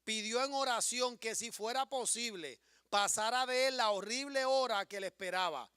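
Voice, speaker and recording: Impassioned preacher man, very high and bright voice, dry close sound. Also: normal speed, clear, resonant tone, dry recording. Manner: impassioned, swings from hushed storytelling to rising declarations. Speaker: pastor. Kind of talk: sermon.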